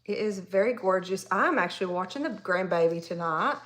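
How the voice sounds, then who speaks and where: On her makeup livestream, a Southern-accented woman in her forties from Tennessee rambles chattily and talks directly to viewers. She has a mid-range, somewhat bright voice that's animated and brisk.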